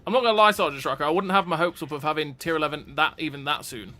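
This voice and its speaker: A man's voice: a little high, bright, forceful tone. A man giving casual gameplay commentary, chatty and thinking aloud as he plays. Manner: chatty, thinks aloud with restarts and quick reactions.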